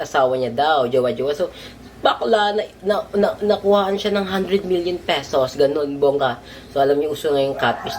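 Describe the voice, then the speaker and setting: A man telling a story in a casual vlog, gossipy and animated, his pitch jumping up and down a lot. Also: a little hiss or hum. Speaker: vlogger.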